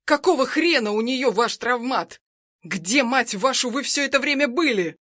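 A desperate husband, read by a woman, straining and urgent as he pleads and threatens. The voice stays close to the reader's own fairly high tone, with only a small lift in loudness. The sound is dry, as in an audiobook. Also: animated, normal speed, dry recording. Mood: urgent, pleading.

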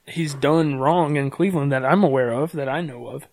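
Casting: easygoing male podcast co-host, slightly higher voice, laughs a lot. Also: moderate pace, a little mellow. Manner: laid-back, laughs often. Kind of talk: casual chat.

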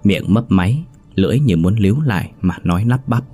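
A man with a very deep voice reads a ghost story in a steady, even manner, with faint music under him. The narration is scripted and told at an unhurried storytelling pace.

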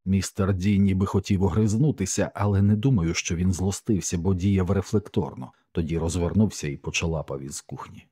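A man with a very low voice, dark and mellow with a breathy edge, narrates a horror audiobook in a measured, somber way. The recording is close and completely dry.

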